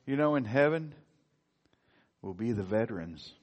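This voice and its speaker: A man's voice: mid-range voice, expressive, normal speed. A man leading a church Bible study, speaking heartfelt about heaven, with casual fillers. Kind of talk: church talk and reflection.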